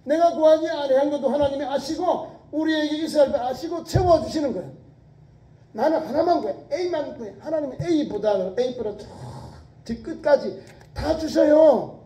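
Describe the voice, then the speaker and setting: A man's voice: very high voice, normal speed, warm tone. A male pastor preaching a sermon with emphatic, questioning delivery. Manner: emphatic preaching, rhetorical questions, acts out prayers and voices. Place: church sanctuary. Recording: echoey church hall, voice from a distance.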